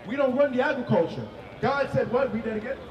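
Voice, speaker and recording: High-voiced man preaching loudly on a street. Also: animated, fast, roomy sound, far from the mic, lo-fi sound. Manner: forceful, often shouting, repeats himself. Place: outdoors on a city street.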